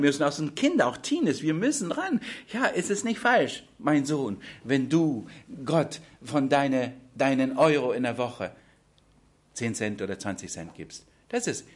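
Husky, animated man preaching a sermon. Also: a little high. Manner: animated, addresses the congregation with rhetorical questions.

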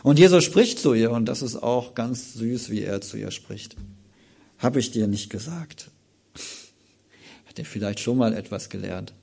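Gravelly, husky man preaching a sermon. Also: medium pitch, moderate pace. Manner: reads scripture aloud then comments in an informal, lively way.

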